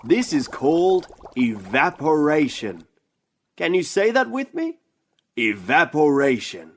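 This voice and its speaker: Broad, singsong children's-theatre professor, animated and slow. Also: medium pitch, exaggerated voice. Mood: playful teaching. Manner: broad singsong children's-theatre delivery, sounding words out slowly. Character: cheerful know-it-all professor teaching young children. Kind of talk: children's story podcast acting.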